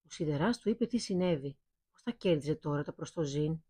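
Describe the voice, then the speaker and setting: A woman narrating a fairy tale, reading it aloud at a steady pace. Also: low voice, husky, no echo. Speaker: storyteller.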